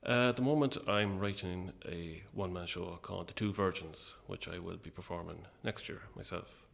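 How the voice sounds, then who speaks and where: In a low voice with vocal fry and a fairly bright tone, a man talks at a normal speed about his own creative work. He is a playwright and actor being interviewed, and he sounds casual, hesitant, and reflective.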